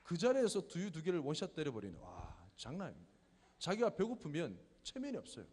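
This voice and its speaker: Casting note: man in his thirties, youth pastor, lively and chatty sermon delivery, somewhat high voice, church hall with long echo. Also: quick pace, husky. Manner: conversational, explains with questions and family stories.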